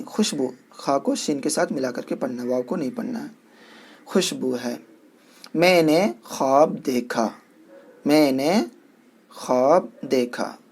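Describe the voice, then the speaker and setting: Slow, deliberate male reading teacher. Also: mid-range voice, a little mellow, breathy edge. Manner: deliberate, repeats each sentence slowly for learners to follow. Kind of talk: language lesson, reading aloud and explaining spelling.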